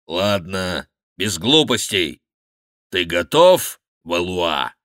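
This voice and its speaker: Man doing a fat mocking monk, loud and preachy, slow forceful delivery, bright tone, audiobook. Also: low voice, big pitch swings, no room sound, clean studio sound, full character voice. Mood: menacing. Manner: bellowing, scornful, preaching. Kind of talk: audiobook character reading.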